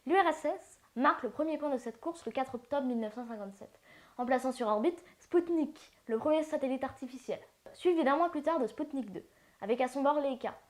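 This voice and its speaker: A woman's voice: sits high, expressive, a little fast, a little mellow. A woman narrating a casual educational video, with playful slangy asides. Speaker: science channel narrator.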